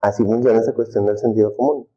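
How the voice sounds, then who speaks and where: A man's voice: lowish voice, steady tone, fast, dark tone, muffled recording. A man teaching a humanities class, talking conversationally and putting questions to the students. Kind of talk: classroom lecture.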